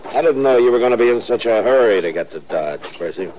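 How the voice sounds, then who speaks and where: A man's voice: medium pitch, expressive, fast, close to an everyday voice. An actor playing a stern, laconic Old West lawman with an American accent and dry wit, in old-time radio style. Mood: wry, commanding. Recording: muffled old radio recording, faint noise.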